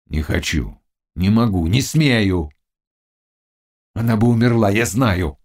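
A man voicing a brooding, passionate young Cossack warrior in an audiobook, speaking low and earnestly. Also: expressive, slow, a little mellow. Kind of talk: audiobook character reading.

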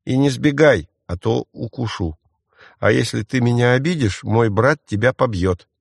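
A man's voice: medium pitch, animated, normal speed, gravelly, breathy edge, no room sound, clean studio sound. A man reading an audiobook voices a small, stubborn little girl who bosses and scolds. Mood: bossy. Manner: bossy, scolding, matter-of-fact.

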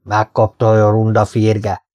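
A man's voice: on the low side, completely flat delivery, a little mellow, dry recording, clean studio sound, lightly acted. A man voicing a surly, grumbling old marsh fisherman. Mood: gruff. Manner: gruff and scornful. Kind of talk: audiobook character voice.

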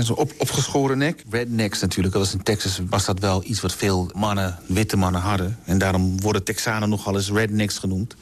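A man telling a personal anecdote on radio in a lively, vivid way. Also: fairly low pitch. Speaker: storyteller. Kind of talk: radio storytelling.

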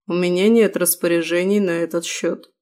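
A woman voicing a calm, indifferent male vampire prison official who speaks dryly. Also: lowish voice, moderate pace, natural voice.

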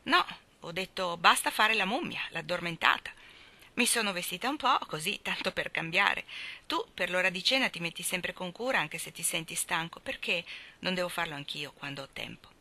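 A woman's voice: fairly low pitch, animated, normal speed, sharp tone, full character voice. A woman reading an audiobook, voicing a tender young mother who talks in a sweet, coaxing way.

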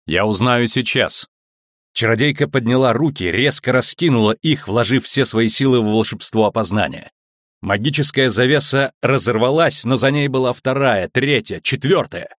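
A man narrating an audiobook in a measured, even reading. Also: mid-range voice, no echo, studio quality. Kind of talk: scripted narration.

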